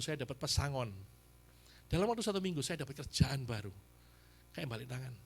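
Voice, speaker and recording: A middle-aged man testifies at a church service. His voice sits somewhat high for a man. He tells his story with feeling and speaks directly to the congregation. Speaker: evangelist preacher. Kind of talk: testimony sermon.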